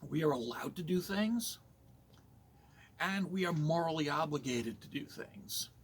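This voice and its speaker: Slow, deliberate man from Canada. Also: a little high, expressive, a little hiss or hum. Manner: measured, deliberate, preachy. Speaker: vlogger. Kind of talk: slow reflective monologue.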